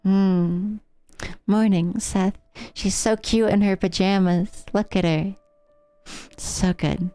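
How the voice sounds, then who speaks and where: Over video game music, a Rocky Mountain American woman streams and casually talks through a game, amused and musing. Her mid-range voice is warm, slow and fairly even in intonation, shaped into a trained, affected silly voice with a slight speech impediment. The recording has no echo.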